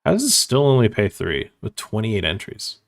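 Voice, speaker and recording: Gravelly, swearing poker streamer. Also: male voice, on the low side, huge pitch swings, normal speed. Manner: swears freely, self-mocking, thinks aloud. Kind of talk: casual live-stream commentary.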